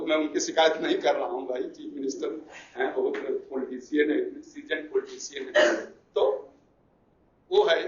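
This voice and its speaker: A man lecturing trainee teachers, explaining points and slowly repeating key English phrases. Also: high voice. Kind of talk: classroom lecture. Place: classroom. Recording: echoey, distant, dull classroom recording.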